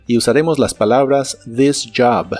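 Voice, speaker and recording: A man narrating a scripted English lesson in Spanish, slowly modeling each English word's pronunciation. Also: medium pitch, darkish tone, soft background music. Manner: slow, careful model pronunciation of English words. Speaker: English teacher.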